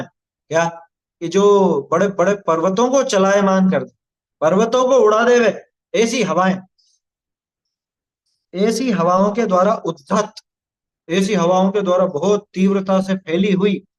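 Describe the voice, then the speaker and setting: High-voiced man teaching hymn pronunciation. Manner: chants Sanskrit verses slowly, then explains each word patiently. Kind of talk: verse-by-verse recitation and pronunciation lesson. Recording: slightly dull lo-fi recording.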